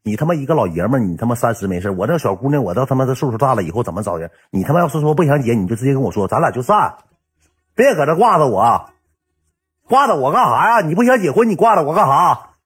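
A man's voice: medium pitch, expressive, very fast, few pauses, slightly rough. Man acting out a furious swearing girlfriend. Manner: swearing, threatening. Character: furious young woman, his fierce girlfriend.

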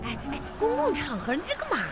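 A woman's voice: very high voice, wildly swooping pitch, fast, over loud music, exaggerated voice. A woman playing a chiding, teasing young female friend in a live radio comedy sketch, scolding and mock-surprised.

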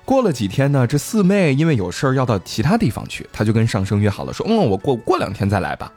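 Husky playful male storyteller. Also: medium pitch, fast talker, soft background music. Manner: lively, playful, joking with co-hosts. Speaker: podcast storyteller host. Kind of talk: casual storytelling chat.

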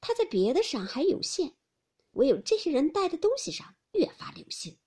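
A woman voicing a sharp-tongued, sarcastic young noblewoman who speaks coldly and mockingly. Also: high-pitched, sing-song, normal speed, voice pushed up. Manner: cold, mocking.

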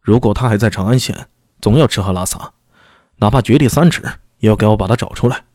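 A man's voice: lowish voice, fast talker, darkish tone, dry recording, studio quality, lightly acted. A man voicing an angry, foul-mouthed male constable chief in an audio story, blustering and cursing.

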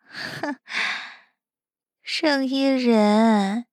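A woman voicing a crazed, cruel kidnapper who taunts slowly and mockingly. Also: on the high side, dry recording, studio quality.

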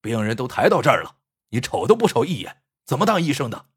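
A man voicing a rude, brash man who shouts demands at a doctor in a spoken story. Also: medium pitch, expressive, normal speed, slightly rough. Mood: rude demanding.

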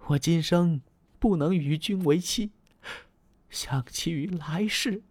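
A male storyteller voicing a young, beautiful woman who pleads tearfully in a raised, soft, weepy voice. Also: on the high side, slow pace, no room sound, voice pushed up. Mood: tearful pleading.

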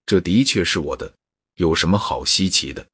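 A greedy, spoiled young man from a folk tale talks back, voiced by a male storyteller. The voice is low and husky. It sits close and dry on the mic. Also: normal speed, a bit bright, no echo. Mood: brash. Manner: plain storyteller's voice with little change.

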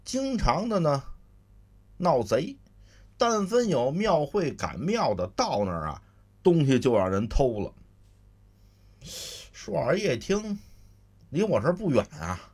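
A man with a Beijing accent performing solo comic storytelling, chatty, with explanatory asides to listeners. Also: medium pitch. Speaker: solo crosstalk comedian.

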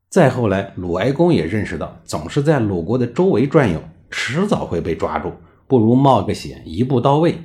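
A man tells history in a low, dark voice with a chatty, colloquial flow. His pitch moves a lot, rising and falling from phrase to phrase. Warm, drawn-out particles keep the telling relaxed. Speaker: history podcast narrator. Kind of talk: storytelling narration.

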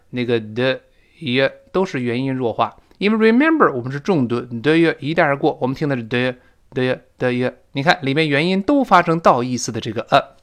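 A middle-aged man gives a spoken English lesson, his pitch rising and falling a lot as he explains. He walks through each point step by step and slows right down to model the English phrases. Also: fairly bright tone. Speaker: English teacher.

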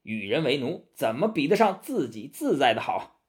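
A man voicing a furious, vengeful male immortal in a storybook tale, shouting with menace. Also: mid-range voice, very animated, moderate pace, natural voice. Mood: enraged.

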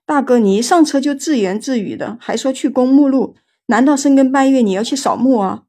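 A woman voicing a gruff, complaining male taxi driver in a told ghost story. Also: a little high, expressive, fast, warm tone, voice pushed up. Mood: grumbling. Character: grumbling middle-aged male taxi driver.

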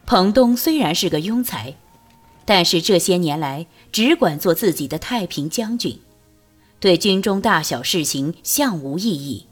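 Husky woman narrating a story. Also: on the low side, lively intonation, a little slow, faint music behind. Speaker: audiobook narrator.

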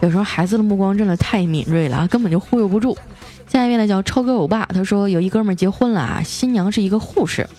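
A woman with a dark, mid-range voice speaks quickly as she hosts a comedy podcast over soft background music. She reads listener jokes playfully and teasingly, mocks herself, laughs often, and gives the characters shifting voices.

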